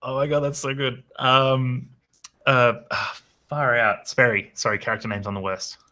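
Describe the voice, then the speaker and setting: Enthusiastic male game master, bright tone. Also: medium pitch, little pitch movement. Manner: enthusiastic, halting with fillers. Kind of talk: narrating a tabletop game.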